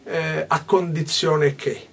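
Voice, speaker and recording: A man's voice: on the high side, steady tone, slow pace, vocal fry, fairly bright tone, slightly rough. A stage actor in his fifties gives a backstage interview in a small dressing room. He talks thoughtfully, gestures a lot and often restarts mid-phrase.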